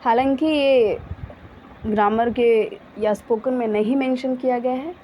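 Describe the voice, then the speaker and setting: A woman teaching English grammar in Hindi, saying example sentences very slowly and then explaining quickly, often correcting herself with small apologies. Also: on the high side, steady tone, dark tone. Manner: self-correcting, apologetic asides. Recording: dull lo-fi sound with faint background hiss.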